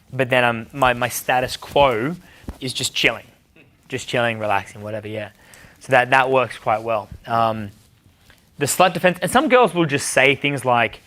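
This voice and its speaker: A young man giving a dating seminar, blunt and quick to swear, answering questions from the group. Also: mid-range voice, a bit bright. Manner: blunt, swears freely, acts out bar dialogue. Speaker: dating coach.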